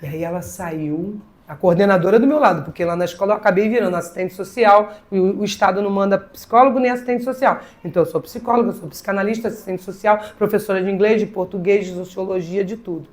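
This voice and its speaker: A woman pastor delivering a sermon, dramatic, swinging between loud preaching and hushed storytelling and repeating words for emphasis. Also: mid-range voice, quick pace.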